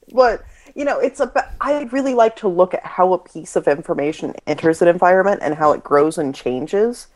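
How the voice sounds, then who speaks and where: A woman with a lowish voice that swings up and down, talking in a casual podcast chat. She is enthusiastic and laughs often. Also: lively intonation, moderate pace, darkish tone.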